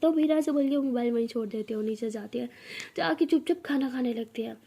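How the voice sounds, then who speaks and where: A woman's voice: on the high side, brisk, vocal fry, dark tone, husky. A woman narrating a love story in a chatty, conversational way.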